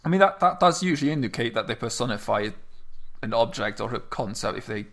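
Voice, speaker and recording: A man co-hosting a casual talk about poetry and reading a sonnet aloud, measured and self-deprecating. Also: mid-range voice, animated, vocal fry, fairly bright tone. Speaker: podcast co-host, sonnet reader.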